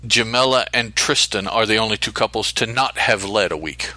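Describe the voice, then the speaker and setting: A man co-hosting a podcast in casual chat, often stopping to restart his sentences. His voice is fairly low with a very bright, sharp edge, recorded dry and close. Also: dry recording. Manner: halting, with restarts and counting aloud. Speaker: podcast co-host.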